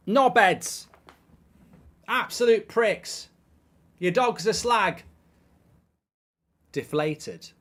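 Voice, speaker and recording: A man's voice: high-pitched, a bit bright. A man, a football fan reacting live to a match with angry, exasperated, swearing outbursts. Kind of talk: live watch-along rant.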